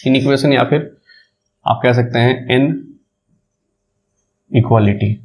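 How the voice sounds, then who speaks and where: Guy teaching maths w a bihari accent, voice sits kinda high, keeps quizzing the class and repeating stuff. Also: moderate pace. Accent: Bihari Hindi. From India. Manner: repeats key terms as questions to the class, mixes English terms into Hindi. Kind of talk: classroom lecture.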